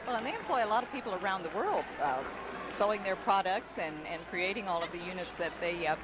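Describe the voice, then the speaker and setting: A woman's voice: medium pitch, animated, fast talker, background noise. An American woman co-hosting a live parade broadcast as commentator, mixing scripted copy with chat. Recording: outdoor street broadcast, music behind.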